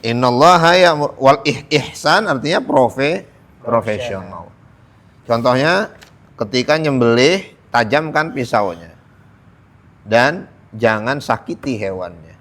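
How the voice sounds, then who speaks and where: A middle-aged man teaches a study circle in a mosque in a conversational style. He recites Arabic scripture slowly and then shifts to casual, animated explanation with jokes. His voice sits at an ordinary mid pitch. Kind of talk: casual Islamic lecture.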